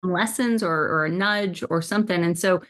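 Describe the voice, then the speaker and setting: A woman with a somewhat low voice hosts an interview. She backs her guest with short affirmations and asks her questions haltingly, with restarts and false starts. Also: background noise. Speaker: podcast host.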